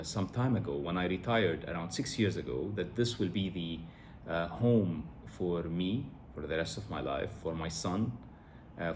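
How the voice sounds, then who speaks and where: Talking straight to camera, a middle-aged vlogger from Lebanon delivers a casual, thoughtful monologue full of fillers and restarts, earnest in tone. His low voice comes through with a bit of background noise.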